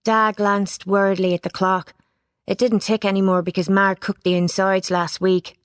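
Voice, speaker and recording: A woman reading a children's storybook aloud, giving it lively expression. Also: mid-range voice, normal speed, dry recording, studio quality. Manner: lively character voices, plain narration. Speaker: audiobook reader. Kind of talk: storybook narration.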